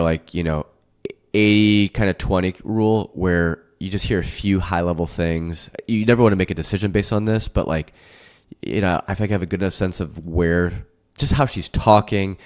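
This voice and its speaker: Host: young man, deep voice, laid-back reaction commentary. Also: normal speed, darkish tone, clean tone. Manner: casual, filler-heavy. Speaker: financial advisor host.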